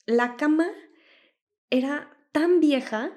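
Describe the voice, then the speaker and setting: Young woman, podcast co-host, lively storyteller, slightly high voice. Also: slow pace. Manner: animated storytelling, quotes others, laughs often. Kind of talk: casual chat.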